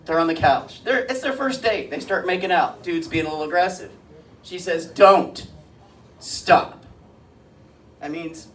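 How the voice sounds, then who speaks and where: A man doing a stand-up comedy set with deadpan one-liners and crude jokes, on a comedy club stage. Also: sits high. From Springfield, US. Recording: live club mic heard from a distance, light noise.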